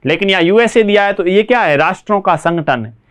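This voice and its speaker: Higher-pitched Indian man teaching English. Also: animated, clean tone. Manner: explains slowly, checks understanding with frequent rhetorical questions. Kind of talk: classroom lesson.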